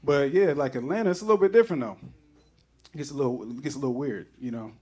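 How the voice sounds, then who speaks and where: A man's voice: mid-range voice, quick pace, warm tone. A man doing a loose, rambling stand-up comedy set on a club stage, acting out other people's voices. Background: audience laughter.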